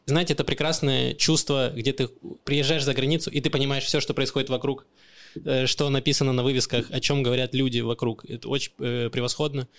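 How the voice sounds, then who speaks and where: Fast-talking young man telling stories on a podcast. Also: medium pitch. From Ukraine. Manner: animated storyteller, acts out quoted voices. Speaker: podcast co-host. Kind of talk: casual chat.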